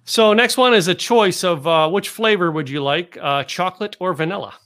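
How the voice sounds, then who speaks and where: Sitting high in pitch with a fairly bright tone, a Dallas-area man hosts a podcast interview at normal speed. His casual storytelling rambles, marked by restarts and chuckles.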